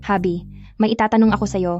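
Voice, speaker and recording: A woman's voice: medium pitch, fairly even intonation, quick pace, a little mellow, lo-fi sound, soft background music, lightly acted. A woman dubbing a cheerful, unbothered young bride who talks in a breezy, teasing way. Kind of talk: Filipino dub of a drama.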